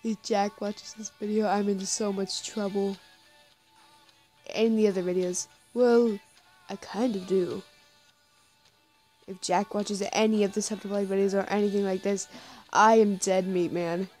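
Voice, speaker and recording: A woman giving casual reaction commentary while dubbing a comic, giggly and quick to run herself down. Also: medium pitch, little pitch movement, darkish tone, soft background music. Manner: giggly, self-deprecating asides. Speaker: comic dub reader.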